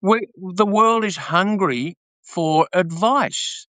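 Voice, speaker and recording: A man with a slightly raised pitch talks in a measured, halting way. He leans on fillers and restarts. The sound is close and dry. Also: bright, forceful tone, no room sound. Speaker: podcast co-host. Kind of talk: casual conversation.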